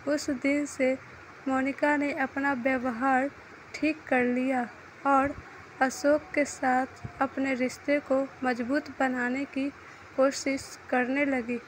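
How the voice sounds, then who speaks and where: Brief: high-voiced woman storyteller, slow even reading. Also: slight background noise, poor audio. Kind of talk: read-aloud story narration.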